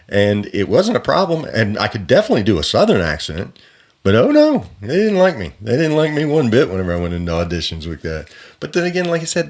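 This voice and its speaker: A man from the American South hosting a podcast, commenting casually on the news in a rambling, excitable way and laughing between points. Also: medium pitch. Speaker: podcast host.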